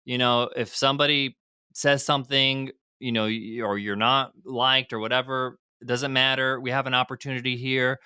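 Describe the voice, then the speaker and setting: Bright, earnest man talking candidly. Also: medium pitch, flat delivery, normal speed, clear, resonant tone, dry recording, studio quality. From United States. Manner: earnest, candid, many fillers and restarts. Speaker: guest entrepreneur. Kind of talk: casual podcast interview.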